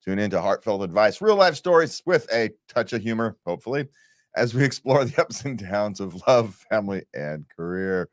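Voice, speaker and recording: A very deep-voiced man hosts a relationship podcast in loose, rambling talk. He pokes fun at himself and chuckles between points. His voice is close and dry, with no room sound. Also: sing-song, normal speed, no echo. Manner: rambling, self-deprecating, chuckling. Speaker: podcast host.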